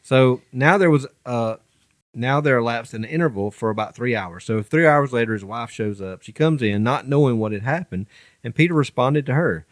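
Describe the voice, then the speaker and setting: A man's voice: medium pitch, moderate pace, no echo, clean studio sound. Southern man reading scripture on a podcast. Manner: reads scripture aloud, stumbling now and then. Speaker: podcast co-host. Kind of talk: casual Bible study chat.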